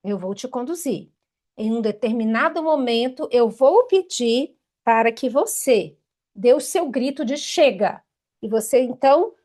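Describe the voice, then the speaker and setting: A Brazilian woman with a Brazilian Portuguese accent, a trainer leading a live online group session, talking straight to her audience in an animated, emphatic way. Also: high voice. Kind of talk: live online workshop, guiding an exercise.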